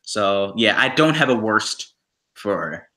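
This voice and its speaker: A man's voice: lowish voice, lively intonation, slow, pushed and bright. A young man co-hosting a podcast, chatting casually and enthusiastically about his favorite shows. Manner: enthusiastic, playful. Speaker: podcast co-host. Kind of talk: casual chat.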